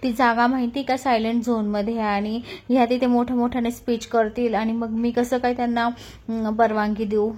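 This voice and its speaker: A woman's voice: a little high, level tone, fairly quick, a little mellow, close to an everyday voice. A woman reading the lines of an indignant young woman officer in her own plain narrating voice.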